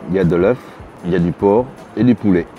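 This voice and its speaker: A middle-aged man hosting a food vlog, giving measured, descriptive tasting remarks in a casual way. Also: low voice, phone-quality sound. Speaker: food vlogger host. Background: background music.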